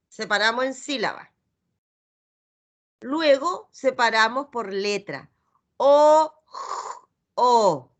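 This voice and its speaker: A middle-aged Chilean woman teaches reading in a bright, slightly high voice. She takes her time, sounding out each letter and syllable with patient care. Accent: Chilean Spanish.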